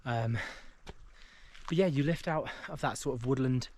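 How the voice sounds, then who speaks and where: A man's voice: medium pitch, moderate pace, darkish tone. A man filming himself as he hikes a mountain trail, chatting casually with plenty of fillers, out of breath on the climbs. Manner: chatty, loose with fillers, talks while walking. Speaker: hiking vlogger. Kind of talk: casual chat while hiking.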